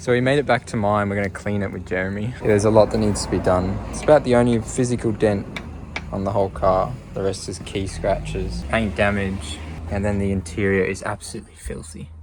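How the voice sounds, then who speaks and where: A man's voice: fairly low pitch, fairly even intonation, fairly quick, noisy background. A young Australian man hosting a vlog, chatting casually and slangily to camera and joking with his friends. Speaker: vlog host.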